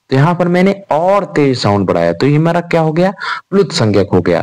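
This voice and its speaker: A man's voice: mid-range voice, darkish tone. A young man giving an informal revision lecture on grammar. He talks in a chatty way, calls the students "bhai", and asks and answers his own questions. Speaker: Sanskrit grammar tutor.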